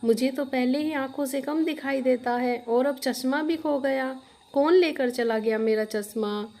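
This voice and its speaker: A woman's voice: high-pitched, measured pace, mellow. A woman voicing a poor old woman tailor who wails and laments over her troubles. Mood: tearful. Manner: wailing laments, sighs of dismay.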